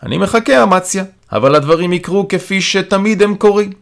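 A stiff, dismissive cop who talks up high and loud, all rules and routine, as a male reader acts him out. He sounds clipped and unmoved in this storybook drama, lifted well above the reader's own voice. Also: creaky. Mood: brusque. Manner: raised, brusque, matter-of-fact. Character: cold, dutiful male policeman, dismissive.

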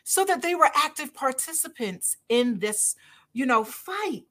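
In an unhurried conversational interview, a middle-aged doctor from Barbados, there as a podcast guest, speaks with lively intonation. Her voice sits high with a fairly bright tone, and she earnestly, emphatically repeats her key phrases.

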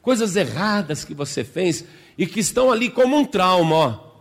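A man's voice: high voice, sing-song, normal speed, in a large hall. A male pastor preaching a sermon emphatically and repetitively, with vivid storytelling.

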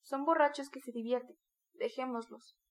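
Woman doing a tired dad, hushed and coaxing, high light voice. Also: fairly even intonation, normal speed, natural voice. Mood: soothing. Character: calm weary father soothing his son.

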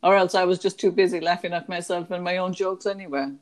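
Casual, chatty Irish woman, west of Ireland Kerry accent, lowish voice, reminiscing as an interviewee. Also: little pitch movement, fast talker. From County Kerry, Ireland. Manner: chatty, frequently breaking into laughter.

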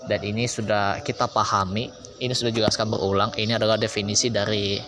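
A man preaching an Islamic lesson, explaining slowly with chatty asides. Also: on the low side, level tone. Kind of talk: casual sermon. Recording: music behind. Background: music.

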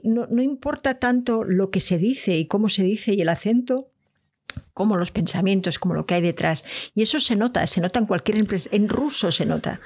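A woman hosts a live stream, chatting and reading out viewer comments. Her voice has a gravelly, creaky texture at a middle pitch. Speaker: host.

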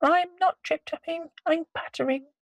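A woman reading a storybook and voicing small, anxious animals in a very high, squeaky voice. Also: measured pace, dry recording, muffled recording. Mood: pleading. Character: small anxious furry animals, mouse and rabbit.

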